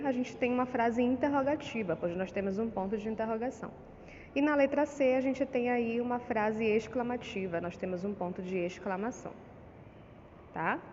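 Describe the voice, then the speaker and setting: Patient woman teacher, reverberant lo-fi recording. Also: a little high. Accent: Brazilian Portuguese. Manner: patient, with frequent "tá?" and "né?" check-ins. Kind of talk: recorded lesson for pupils. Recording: dull lo-fi audio with long reverb and faint noise.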